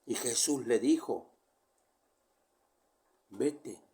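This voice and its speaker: A man delivers a sermon with animated pitch that climbs high and sinks low. He reads scripture aloud and explains it verse by verse. His voice swings between loud calls and near whispers. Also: a little slow. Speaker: preacher.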